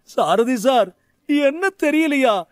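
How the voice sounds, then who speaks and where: A man's voice: extremely high pitch, expressive, takes it slowly, no echo, clean studio sound, voice pushed up, heavily acted. A man voicing a frightened teenage boy who sobs and stammers, in a storybook reading. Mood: crying. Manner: sobbing, stammering.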